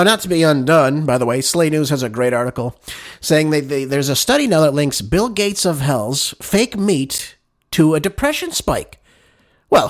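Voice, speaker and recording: A man hosting a political talk show, delivering combative, sarcastic solo commentary and calling his listeners "folks.". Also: a little high.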